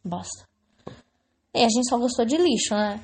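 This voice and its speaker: This young Brazilian woman talks with a high voice that swoops up and down with energy. She chats casually, laughs often and drops casual swears into her stories. Her Brazilian Portuguese accent is easy to hear. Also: expressive, normal speed. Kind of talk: casual chat.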